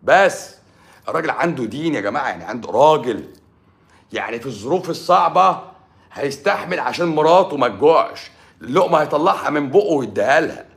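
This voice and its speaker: An Egyptian man, a doctor, lecturing emphatically on a live stream and swinging between loud and hushed speech. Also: fairly high pitch, lively intonation, fast, gravelly. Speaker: doctor giving advice.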